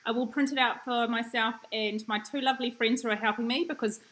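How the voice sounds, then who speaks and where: A woman's voice: a little high, steady tone, a little fast, a bit bright, rough recording. A woman hosting a casual interview over a video call, asking questions and getting a little flustered. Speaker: host.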